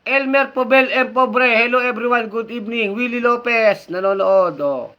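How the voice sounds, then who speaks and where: A man's voice: very high voice, moderate pace, highs cut off. A man from the Philippines hosting a livestream commentary, reading viewer comments and ranting with scornful, insulting indignation while throwing rhetorical questions at his audience. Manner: fiery, scornful and insulting, often rising to indignant emphasis; keeps addressing his audience directly with repeated rhetorical questions. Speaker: online political commentator and show host.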